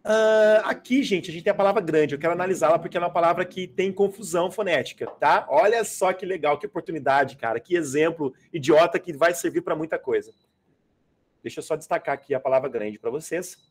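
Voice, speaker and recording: A Portuguese teacher leads a live grammar class for exam students, speaking fairly quickly in a voice on the high side. His style is casual and slangy, and he often checks that the class is following. He uses an adjustable microphone.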